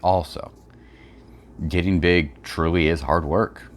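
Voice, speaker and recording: A man's voice: low voice, steady tone, takes it slowly. A man giving blunt, opinionated, unscripted commentary and explanations as a fitness video creator.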